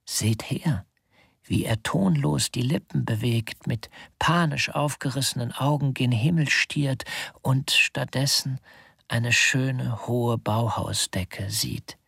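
A man reading literary narration in a slow, deliberate way, often sinking into a whisper. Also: medium pitch, vocal fry, fairly bright tone, slightly rough, dry recording, clean studio sound.

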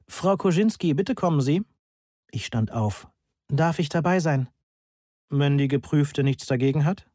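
Husky, mellow male audiobook narrator. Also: mid-range voice, no room sound, clean studio sound. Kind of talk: scripted first-person narration.

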